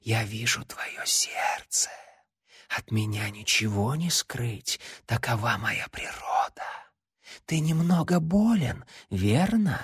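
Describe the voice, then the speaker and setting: A man voicing a living female shadow spirit in an audiobook, whispering slowly and coaxingly. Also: medium pitch, expressive, dry recording, studio quality, exaggerated voice. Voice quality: whispered, breathy. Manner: slow, coaxing and intimate.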